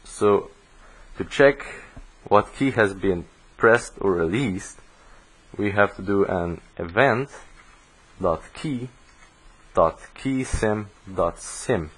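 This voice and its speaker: A man talks through code for a programming course, explaining each step as he types. He speaks very slowly in a lowish voice. The audio quality is poor. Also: expressive, slightly rough. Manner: slow, step-by-step explaining while typing code. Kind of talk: screen-recorded coding tutorial.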